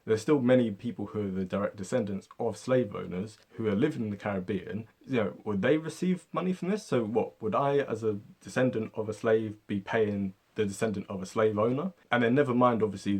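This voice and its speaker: British guy talking through history stuff, lowish husky voice, keeps saying right and you know. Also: brisk, few pauses, a little mellow. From Britain. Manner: conversational, lots of fillers like "right?" and "you know". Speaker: history video host. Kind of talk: casual explainer.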